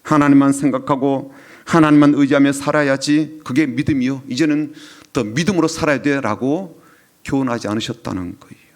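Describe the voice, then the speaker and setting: A man's voice: on the high side, steady tone, moderate pace. A male pastor delivering an emotional sermon, telling the story with drops to a whisper and sudden rises. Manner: emotional storytelling preaching, dropping to whispers and rising in swells.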